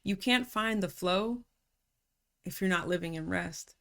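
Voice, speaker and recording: Low-voiced woman in a calm coaching talk. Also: gravelly. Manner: calm, unhurried, slips into casual slang. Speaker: personality typology coach. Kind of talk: reflective coaching monologue.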